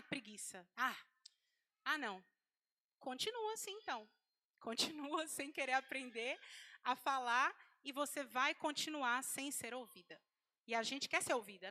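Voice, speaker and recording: A woman's voice: high-pitched, pushed and bright. A woman preaching a sermon to women in a conversational way, acting out quoted lines of speech.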